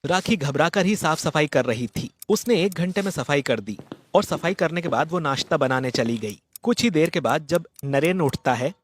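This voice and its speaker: A man narrating a dramatized moral story in a steady, plain storytelling manner. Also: a little high, normal speed, slight background noise.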